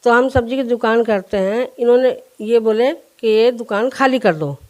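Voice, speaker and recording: A woman's voice: fairly high pitch, moderate pace, a little mellow. A woman shopkeeper in a news interview, recounting in earnest detail what happened and acting out the quoted exchanges.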